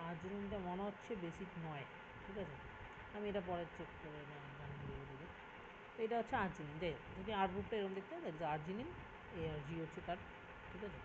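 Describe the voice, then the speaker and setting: Casual tutor checking in often, lo-fi. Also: medium pitch. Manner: explains step by step, often checks with "ঠিক আছে?"; mixes English terms into casual explanation. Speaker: chemistry tutor. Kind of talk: informal recorded lesson. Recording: dull lo-fi audio with clear background noise.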